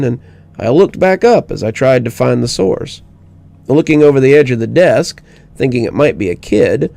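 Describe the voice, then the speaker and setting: A man narrates a scripted first-person horror story in a measured storytelling manner, his mid-range voice darkish in tone and touched with vocal fry.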